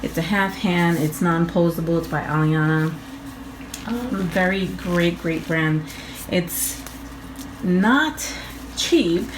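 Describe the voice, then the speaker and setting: A tired woman chatting casually through a nail-kit unboxing at home, rambling, apologizing and filling pauses with ums. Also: on the low side, background noise. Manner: rambling, apologetic, many fillers, laughs often. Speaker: nail vlogger.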